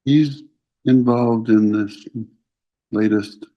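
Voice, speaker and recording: A man's voice: mid-range voice, fairly even intonation, very slow. A man on a recorded prison phone call, agreeable and chuckling, giving brief replies.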